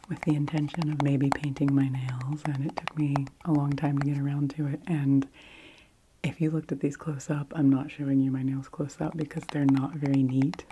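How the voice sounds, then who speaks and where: Low-voiced woman whispering ASMR chatter. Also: noisy background. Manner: soft, unhurried whisper with chatty asides. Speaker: ASMR creator.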